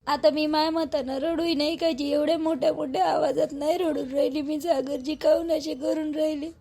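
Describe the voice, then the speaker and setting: A woman's voice: high voice, steady tone, normal speed, warm tone. A woman voicing a tearful, wronged young daughter-in-law, crying and pleading in complaint. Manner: pleading, self-pitying complaints.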